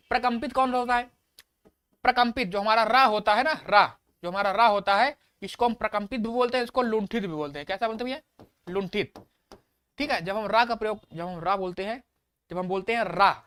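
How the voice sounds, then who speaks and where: A male teacher runs an online exam-prep class in a smooth, clean voice. He repeats key points, asks the class questions and praises the answers. The sound is dry and close, with no room echo. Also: high voice, fairly bright tone. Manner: repetitive, calls students "bhaiya", praises answers.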